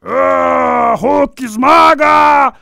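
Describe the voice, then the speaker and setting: A childish green brute rages in short, broken third-person phrases, as a man puts him on. The voice is raspy and sharp-edged, set in a dry, close sound. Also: extremely high pitch, drawn-out words, no room sound, exaggerated voice. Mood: raging. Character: angry hulking green male brute, childish.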